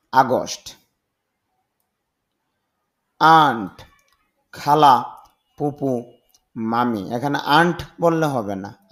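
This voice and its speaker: A man, a Bengali speaker, teaches English words one at a time in a slow, unhurried rhythm. He says each word, gives its meaning and dwells on pronunciation. His pitch sits at an ordinary middle height. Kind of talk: slow word-by-word vocabulary lesson.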